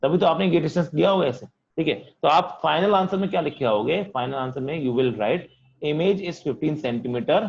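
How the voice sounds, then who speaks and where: A physics teacher speaking, leading an online class in a loud voice that he says is straining from all the shouting. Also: fairly high pitch, moderate pace, gravelly, muffled recording, a little hiss or hum. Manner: talks loudly to students, says he is shouting. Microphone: computer mic on video call.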